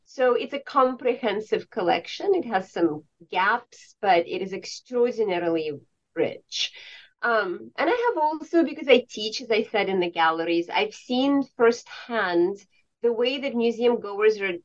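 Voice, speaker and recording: A woman from Estonia, a professor of art history, speaking thoughtfully in an interview with frequent pauses. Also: medium pitch, animated. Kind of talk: conversational interview. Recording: dull lo-fi sound.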